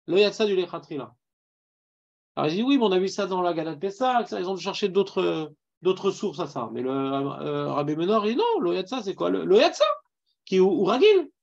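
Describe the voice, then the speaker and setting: Animated Parisian man teaching Talmud. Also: high-pitched, gravelly, muffled recording. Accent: Parisian French. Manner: animated, questions students, mixes in Hebrew terms. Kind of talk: Talmud class.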